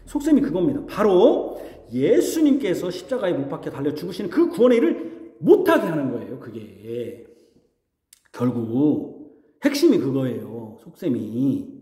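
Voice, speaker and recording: A man's voice: a little high, big pitch swings, normal speed, dark tone. A man preaching a sermon as pastor. He talks conversationally, puts questions to the congregation and acts out mocking voices. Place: church sanctuary. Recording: echoey hall reverb.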